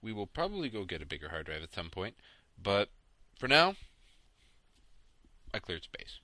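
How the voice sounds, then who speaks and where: A man hosting a casual podcast, talking through his week in games in a relaxed, rambling, sleepy late-night way. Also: deep voice, normal speed, no room sound. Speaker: podcast host. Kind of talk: casual solo podcast chat about games.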